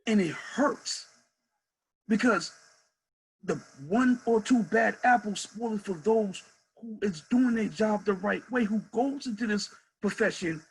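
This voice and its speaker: A man's voice: high voice, husky, poor audio. A man, a head coach, telling a story casually and animatedly, repeating phrases for emphasis.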